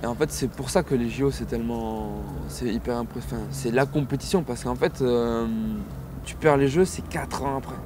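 A man's voice: medium pitch, normal speed, background noise. A young man, a rugby sevens player, speaking casually and reflectively in an outdoor interview, often trailing off.

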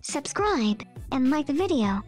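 A woman narrates a scripted meme video, reading captions and short lines aloud over background music. Her high voice is very animated and unhurried, with a darkish tone.

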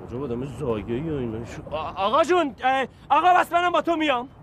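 An actor playing a police captain who coaxes a desperate man on a city rooftop and flares into shouting. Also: sits high. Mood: pleading. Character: earnest, excitable police detective talking a man down. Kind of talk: TV series acting.

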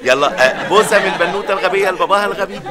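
A man acting an excitable, argumentative brother and father in a comedy sketch. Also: high-pitched, racing, crowd noise, lightly acted.

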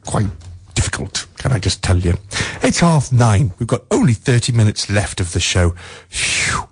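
A man's voice: fairly low pitch, darkish tone, breathy edge. A man hosting a live radio show, chatting casually and jokily while reading out listener texts in a studio.

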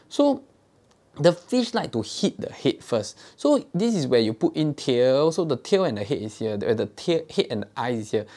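A man's voice: medium pitch, darkish tone. Man, 30s, Singaporean English accent, casual fishing tutorial, step-by-step, keeps asking okay, lapel mic, small indoor studio. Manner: demonstrates gear with his hands while talking. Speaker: fishing tackle shop host.

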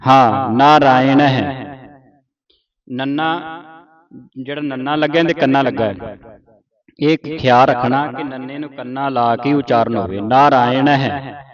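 A man teaching scripture pronunciation in a slow, patient line-by-line recitation lesson, with a Punjabi accent. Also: mid-range voice, dull audio, a crowd in the background. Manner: patient, repeats each word slowly for the student.

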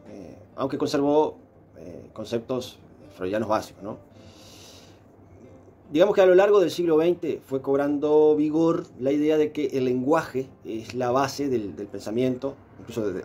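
A man talks through an explanation at an ordinary mid pitch. He hesitates often, tucking in filler sounds and tag questions as he goes. A faint guitar plays quietly behind him. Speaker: presenter explaining philosophy. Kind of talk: explanatory monologue.

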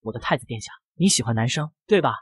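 A woman's voice: very deep voice, expressive, quick pace, breathy edge, no room sound, pitched below the performer's own voice, exaggerated voice. Woman doing a cocky young bully. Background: loud background music.

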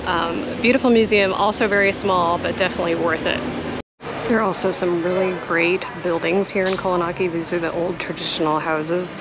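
A woman's voice: on the low side, fairly even intonation, a little fast. A woman in her thirties chatting casually on a walking tour, filming herself at arm's length outdoors, with many ums and likes. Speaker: travel vlogger. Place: city streets outdoors, then a restaurant terrace. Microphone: action camera held at arm's length. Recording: loud street and traffic noise. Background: traffic and city ambience.

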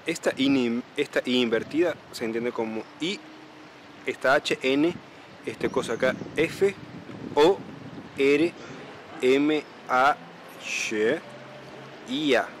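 A man's voice: medium pitch, slow, long pauses, slight background noise. Casual man spelling out street signs. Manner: casual, spells out letters, repeats himself. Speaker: travel vlogger. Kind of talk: walking vlog, reading street signs. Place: empty city streets outdoors at dawn.

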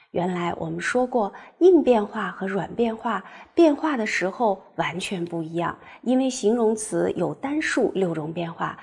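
A woman's voice: medium pitch, gravelly, darkish tone, slightly rough. A woman teacher explaining grammar patiently in an online lesson, leading the class through drills when speaking other languages. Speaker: Russian teacher.

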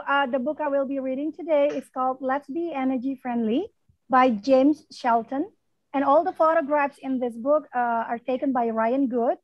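A woman teacher with an Indonesian accent gives a lesson over the radio, speaking slowly and carefully so children can repeat after her. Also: sits high, dry recording. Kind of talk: bilingual reading lesson on radio. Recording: dull, lo-fi radio broadcast.

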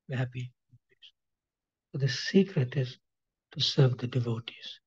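Brief: husky male swami lecturing, slightly high voice, repeats his points, dull lo-fi sound. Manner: repeats key phrases, asks the audience questions. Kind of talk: devotional lecture. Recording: dull lo-fi recording.

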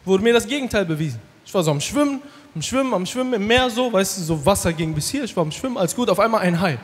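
A man doing punchy, energetic stand-up comedy and hosting a show, talking straight to a live audience. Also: sits high, quick pace. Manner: punchy, energetic, addresses the crowd. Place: large comedy stage before a live audience. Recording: hall reverb, faint crowd.

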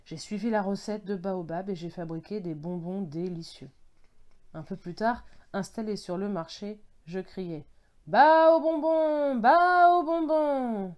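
A woman reading a children's picture-book story aloud in the first person, telling it lively and animatedly. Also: fairly low pitch, moderate pace, lo-fi sound.

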